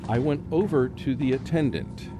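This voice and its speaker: Lightly acted over music, a medium-pitched male voice at a moderate pace narrates a radio drama in the first person. He portrays a haunted, nervous scholar telling of his ordeal dramatically, with an uneasy, suspenseful feel.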